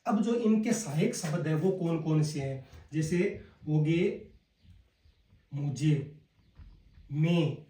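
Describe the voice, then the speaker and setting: Man, Hindi accent, language teacher, slow repetitive drilling, echoey room, distant mic. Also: a little high, mellow. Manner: slow and repetitive, drilling words one by one, addresses viewers as "bhai". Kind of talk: casual spoken lesson, teaching Italian.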